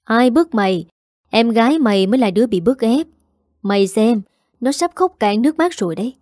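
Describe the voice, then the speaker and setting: A stern middle-aged mother, scolding sharply and quickly, as a woman reading a story puts her on. Her voice is mellow and soft-edged, recorded dry and close. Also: on the high side, animated, dry recording, natural voice.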